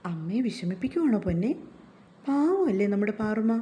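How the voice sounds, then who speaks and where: A woman voicing a caring young husband who speaks gently and coaxingly in a read-aloud story. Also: medium pitch, big pitch swings, normal speed, a little hiss or hum, lightly acted. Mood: tender.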